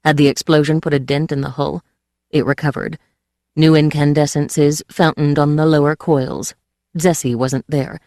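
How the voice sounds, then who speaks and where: An audiobook narrator tells the story in a steady, measured voice. The pitch sits in the middle. The sound is close and dry, with no room echo.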